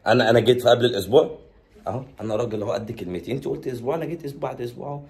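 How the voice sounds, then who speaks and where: A man's voice: mid-range voice, very fast, a little mellow. A man with an Egyptian accent, hosting a vlog with pushy, teasing banter. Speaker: vlogger host. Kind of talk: playful staged vlog banter.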